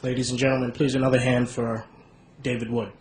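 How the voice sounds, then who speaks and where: A man moderates a debate, calling out the speakers and the schedule in a formal way. His voice rings through an echoey hall. Loud noise and clicks sit behind it. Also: medium pitch, flat delivery, fairly quick. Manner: announcing, formal. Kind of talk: formal announcements.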